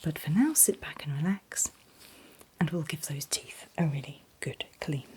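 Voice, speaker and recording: A woman doing a whispered role-play as a calm dentist, speaking in a breathy whisper with gentle, reassuring, unhurried instructions. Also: low-pitched, a little hiss or hum. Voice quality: breathy, mostly unvoiced whisper. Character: calm, attentive dentist soothing a patient. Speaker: ASMR performer playing a dentist.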